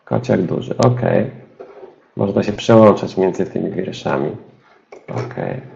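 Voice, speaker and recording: A man trainer walking listeners through a software demonstration in a webinar, explaining step by step and addressing them directly. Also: sits low, animated, measured pace, gravelly, lo-fi sound.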